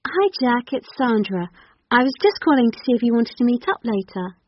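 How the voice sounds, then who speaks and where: A woman's voice: fairly high pitch, sing-song, a little fast. A woman leaving a friendly, casual voicemail over a landline phone. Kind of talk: scripted listening exercise dialogue. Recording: muffled noisy phone line.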